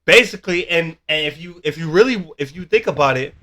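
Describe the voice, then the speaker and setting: A man's voice: on the high side, animated, brisk, pushed and bright. A man recapping a TV episode in casual chat, rambling and leaning on filler words. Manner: rambling, full of "basically", searches for words. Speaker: co-host of a show review.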